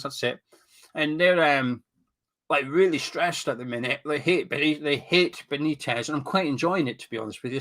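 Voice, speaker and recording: Hosting from his webcam, a Scottish streamer reads aloud viewer comments, chats and jokes with his audience, and slips off topic, his voice blocked up and sniffly from a cold. He speaks with a medium-pitched, sharp tone.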